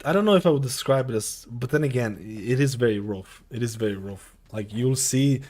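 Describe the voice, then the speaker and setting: This Lithuanian streamer in his thirties talks a little fast in a medium, darkish voice during casual live-stream chat with viewers from his home setup. He rambles, circles back to the same points, and leans on fillers.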